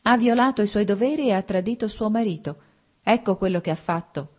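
A woman's voice: mid-range voice, brisk, darkish tone, pitched above the performer's own voice, natural voice. A woman reading the part of a cold, formal husband in an audiobook, speaking in a restrained, clipped way. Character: cold, stiff, wounded older husband.

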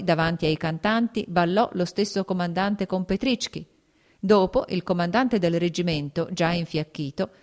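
A woman reading a classic novel aloud as an audiobook narrator, in a steady, even storytelling manner. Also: on the low side. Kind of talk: scripted literary narration.

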